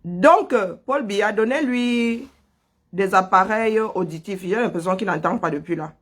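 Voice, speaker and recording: A man's voice: high-pitched, a little slow, a bit bright. A man from Cameroon hosting a live stream, greeting viewers by name and ranting sarcastically about politics. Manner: sarcastic, laughs often. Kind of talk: casual live stream commentary.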